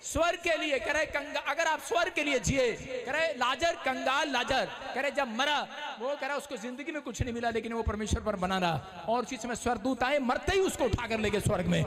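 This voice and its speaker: Male revival preacher, very high shouting voice, live crowd. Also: fairly quick. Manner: shouting, call-and-response, animated storytelling. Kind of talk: revival sermon. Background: congregation noise.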